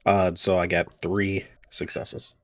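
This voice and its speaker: A man playing a tabletop game talks in a very low voice, relaxed and laid-back. The sound is close to a desk mic and dry. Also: slow pace, no room sound. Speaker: player.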